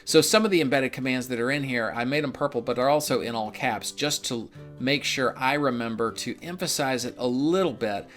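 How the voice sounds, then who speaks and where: A real estate instructor from Memphis, United States, talks through a script in a conversational, casual, explanatory instructional walkthrough. His medium-pitched, fairly bright voice moves fairly quickly with hardly any pauses, and faint music plays behind him.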